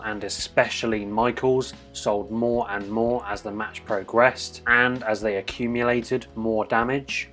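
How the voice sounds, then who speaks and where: A man reads a scripted review voice-over with analytical enthusiasm and a middle-pitched voice. Faint guitar music plays softly under his narration. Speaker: wrestling match reviewer.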